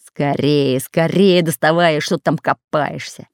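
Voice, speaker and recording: Woman playing a bossy fat pirate captain, low and growling, storybook audiobook. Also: fairly even intonation, slow pace, no echo, clean studio sound. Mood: impatient. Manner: growling, commanding.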